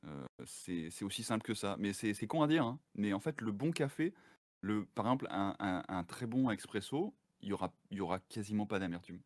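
A man with a fairly low voice chats casually as a guest on a live stream. He laughs often and keeps dropping English words into his sentences. The sound is dry and close, with no room around it. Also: expressive, a little fast, dry recording.

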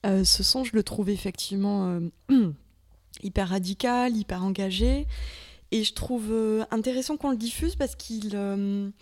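A woman's voice: medium pitch, darkish tone. A woman with a southern French accent who talks enthusiastically in a casual panel discussion, using many fillers.

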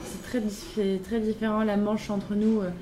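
A young woman, a podcast guest, talking casually in a hostel and often pausing to search for words. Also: medium pitch, flat delivery, dark tone, a little hiss or hum. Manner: hesitant, pauses to search for words. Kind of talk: casual conversation.

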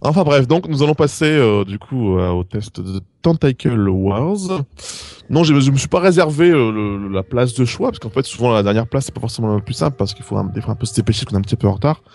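A man's voice: medium pitch, lively intonation, brisk, gravelly, darkish tone. Chatty man explaining a game. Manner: many fillers and restarts while explaining. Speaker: podcast host. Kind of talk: casual chat, explaining a game.

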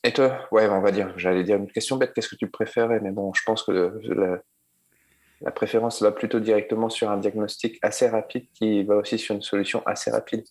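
A man with a somewhat low-pitched voice hosts an informal conversation. He comments and asks questions in a casual interviewing style. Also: fairly even intonation, fairly quick. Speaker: podcast co-host, interviewer.

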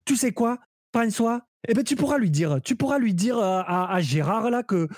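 A man's voice: sits high, animated, moderate pace, a little mellow, no echo, clean studio sound, pitched above the performer's own voice. Man doing a ranting Marseille café worker. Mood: exasperated. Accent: Marseille French, put on. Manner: exasperated, theatrical rants. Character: hot-headed southern French male café worker. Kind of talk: live improv comedy scene.

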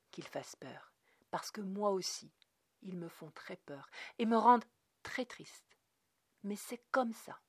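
A woman's voice: mid-range voice, no echo, clean studio sound, voice pushed up. A woman voicing a grieving mother who coaxes and pleads with her small son in a read story. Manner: pleading, soothing, then urgent.

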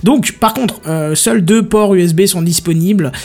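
A man hosting a casual tech podcast chat, excitable, with punchy exclamations as he presents hardware. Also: high-pitched, normal speed.

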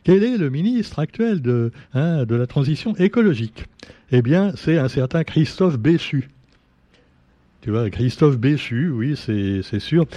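A man's voice: a little high, lively intonation, unhurried, mellow, no echo. A man hosting a casual press review, chatty and sarcastic, with many fillers and asides. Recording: dull lo-fi sound.

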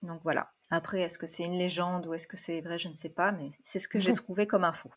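A woman's voice: fairly low pitch, flat delivery, fairly quick, slightly rough. Woman sharing trivia in casual chat. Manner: informative, leads the discussion. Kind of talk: casual chat with presented facts.

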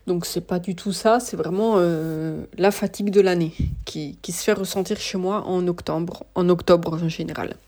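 This solo podcast host sounds tired and worn out, her warm, lowish voice keeping fairly even intonation at normal speed with hardly any pauses. Still, she talks hesitantly, full of filler sounds and restarts, in a casual style.

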